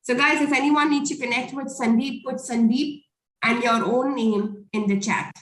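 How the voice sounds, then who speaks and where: A woman hosting an online business networking meeting, moderating and coaching the speakers in a brisk, directive way. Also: sits high, fairly even intonation, a bit bright, echoey room, poor audio. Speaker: host of a business networking call.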